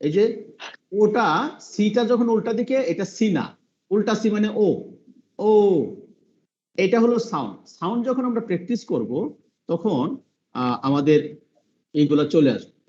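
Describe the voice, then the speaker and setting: High-voiced man teaching sounds patiently. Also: lively intonation, mellow, dull audio. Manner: patient, repeats sounds slowly, asks the class questions. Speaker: English teacher. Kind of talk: online class teaching pronunciation.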